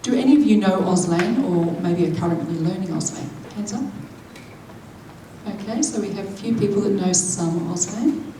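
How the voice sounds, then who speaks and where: Speaking for a deaf keynote speaker, a woman renders the talk into English in the first person, pausing measuredly and posing questions to the crowd. Her mid-range voice is picked up distantly amid background noise in a large, reverberant hall.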